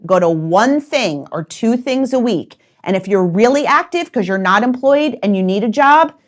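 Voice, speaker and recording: A woman in her forties hosting a solo career-advice podcast, speaking directly and coaching her listeners with repeated instructions. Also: fairly high pitch.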